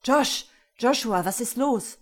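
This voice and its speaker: A woman's voice: fairly low pitch, steady tone, unhurried, natural voice. A woman reading an audiobook, voicing a hesitant, protective middle-aged father.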